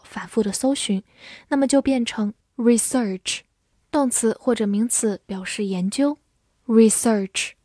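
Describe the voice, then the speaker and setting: Slow, dry-voiced woman teaching vocabulary. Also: mid-range voice, darkish tone, no room sound. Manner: spells words letter by letter and reads example sentences slowly. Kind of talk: scripted vocabulary lesson.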